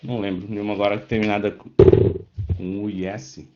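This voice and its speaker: A man's voice: fairly low pitch, little pitch movement, a little fast, a little mellow. A man teaching a Portuguese class who explains step by step, checks often that students follow and answers them by name. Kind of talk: online class lecture. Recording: roomy, dull lo-fi sound.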